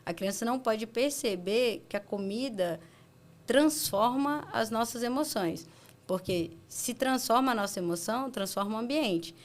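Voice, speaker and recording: A woman pediatrician with a Brazilian accent, explaining calmly in a casual interview and acting out parents in quick asides. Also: a little high. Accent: Brazilian Portuguese. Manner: animated, acts out parents and children in quick asides. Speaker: pediatrician guest.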